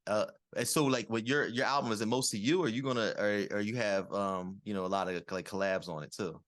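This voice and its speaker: A man's voice: on the low side, fairly even intonation, a little fast, fairly bright tone, no room sound, clean studio sound. A young man in his twenties hosting a podcast, asking questions in a rambling casual way. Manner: rambling, many fillers and restarts. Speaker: podcast host. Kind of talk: casual interview.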